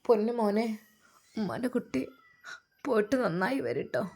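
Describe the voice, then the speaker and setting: A soft, trembling mother, as a woman reads her part, pleads in hushed prayers for her son. Her voice sits a little higher and quieter than the storyteller's own. This is a tearful storybook mother. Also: expressive, normal speed, husky. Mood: tearful pleading.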